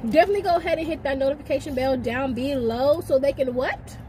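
A young woman hosting a casual vlog from her car, chatty and playful, talking loudly. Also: sits high, quick pace, poor audio. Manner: chatty, loud and playful, hollering over the noise. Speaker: vlog host. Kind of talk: casual chat. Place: car with the window down. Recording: traffic noise through an open car window.

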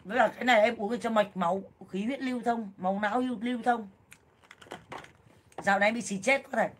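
A woman in her thirties on a casual livestream, loud, blunt and jokey, full of exclamations as she talks to viewers. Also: a little high, steady tone, quick pace, a little hiss or hum. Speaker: livestream seller and vlogger.

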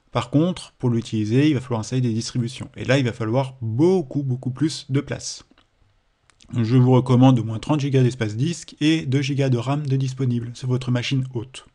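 French man with a dark voice teaching. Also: mid-range voice. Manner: explanatory, with hesitations and self-corrections. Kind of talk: screen-recorded tutorial.

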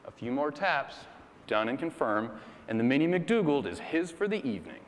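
A man narrating a product demo on a keynote stage in a lively, scripted way. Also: mid-range voice, moderate pace. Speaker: guest presenter. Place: large conference hall stage. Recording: large hall with audience murmur.

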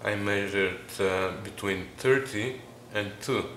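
A man narrates a workshop tutorial. He works through numbers methodically, with pauses and fillers. Faint ambient noise sits behind him in the garage. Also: on the low side, fairly bright tone. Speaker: home mechanic explaining engine measurements.

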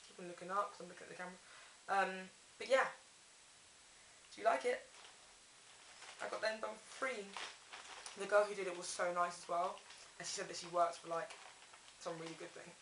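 Echoey young woman, bright voice. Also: lowish voice, fairly even intonation, a little fast, pauses often. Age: young adult. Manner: chatty, rambling, self-correcting. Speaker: haul vlogger. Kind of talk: casual chat to camera. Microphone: camera mic at arm's length. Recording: echoey bathroom, audible hiss.

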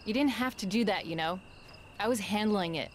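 A woman's voice: mid-range voice, moderate pace, natural voice. A woman voicing a sarcastic tough teen girl. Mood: sardonic. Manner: guarded, sarcastic. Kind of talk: video game dialogue.

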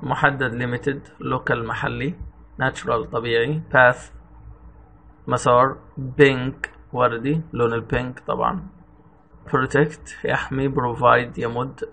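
A male English teacher speaks in an Egyptian Arabic accent, working through vocabulary methodically. His voice is gravelly and bright. His pitch barely moves from word to word. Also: takes it slowly, rough recording. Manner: reads each English word then gives its Arabic meaning, steady and methodical. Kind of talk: vocabulary lesson reading word lists.

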